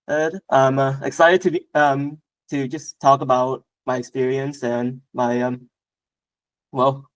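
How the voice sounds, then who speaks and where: A man's voice: medium pitch, level tone, slow, no room sound, poor audio. A young man from Southern Vietnam, answering interview questions casually, with a lot of hesitation, fillers and restarts. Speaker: guest martial artist.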